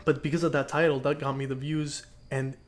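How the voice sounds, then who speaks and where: A young man with a mid-range voice talks a little fast in a flat way, with soft music in the background. He co-hosts a casual podcast and makes YouTube videos, and he rambles through the chat with plenty of fillers and restarts.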